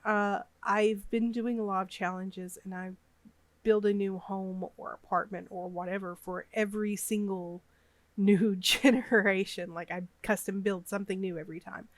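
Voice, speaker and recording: A woman in her thirties, a gaming YouTuber with a slight cold and a bit sniffly, does a casual voiceover over a game build, rambling hesitantly with many fillers. Her mid-range voice has fairly even intonation and a moderate pace. The recording is dry.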